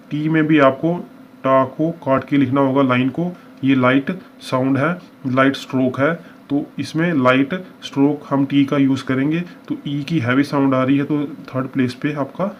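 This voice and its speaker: Male teacher, mid-pitched, patient walkthrough, dull lo-fi sound. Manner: explains patiently, often checks understanding. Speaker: shorthand teacher. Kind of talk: step-by-step lesson. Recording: dull lo-fi with faint hiss.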